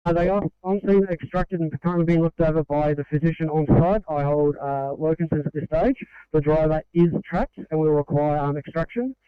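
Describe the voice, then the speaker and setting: A man's voice: fairly high pitch, a little fast, hardly any pauses, clear, resonant tone, no echo. Man over walkie-talkie radio. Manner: clipped, formal, ends each turn with "over". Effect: heard over a two-way walkie-talkie radio. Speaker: emergency responder on scene. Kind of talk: procedural radio dispatch talk. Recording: muffled two-way radio transmission.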